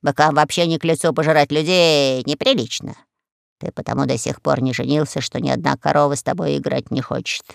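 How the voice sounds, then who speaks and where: A reader voicing a bossy old male parrot in an audiobook, with gruff, lecturing talk. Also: mid-range voice, fairly even intonation, fairly quick, dry recording, clean studio sound, pitched below the performer's own voice. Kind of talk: audiobook character voice.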